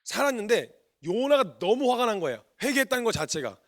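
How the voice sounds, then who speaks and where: A man, a missionary preacher, giving a sermon in colloquial, animated storytelling style, acting out the quotes he tells. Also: extremely high pitch, fairly quick.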